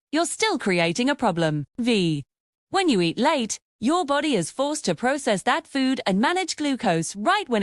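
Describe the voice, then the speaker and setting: A woman's voice: fairly high pitch, no room sound, studio quality. A woman hosting a health channel in a vlogger style, reading a scripted explainer and addressing viewers directly.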